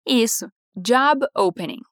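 A Brazilian woman teaching English phrases to Portuguese speakers, repeating lines slowly and then explaining them quickly and encouragingly. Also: a little high, animated, a bit bright, no room sound, clean studio sound.

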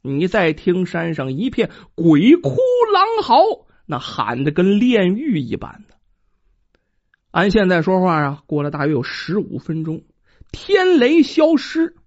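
A storyteller telling a folk tale in a lively, dramatic manner, with spoken sound effects, on a dull lo-fi recording. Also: mid-range voice, a little slow. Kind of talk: traditional oral storytelling.

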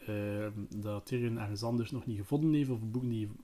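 A man's voice: on the low side, a little fast, mellow. A man casually retelling a book as a podcast host, hesitant and full of fillers. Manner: hesitant, many fillers, chatty.

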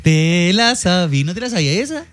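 A man's voice: high voice, very animated, normal speed, fairly bright tone, smooth, no room sound, faint music behind. A Chilean man co-hosting a podcast, chatting and joking loosely with plenty of slang. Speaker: podcast co-host. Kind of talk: casual chat.

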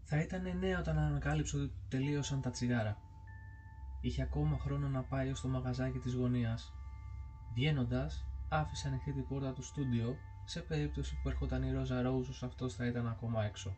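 A man narrating a ghost story from a book, reading in a steady, measured way. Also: medium pitch, faint music behind. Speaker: audiobook narrator.

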